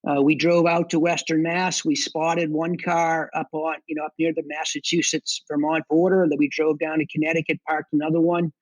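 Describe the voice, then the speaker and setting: A man's voice: a little high, little pitch movement, moderate pace, few pauses, dry recording, low-quality recording. A middle-aged man with a Boston accent, telling his experiences conversationally as an interview guest, in a matter-of-fact way. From Boston area, United States. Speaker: interview guest, army veteran and section hiker.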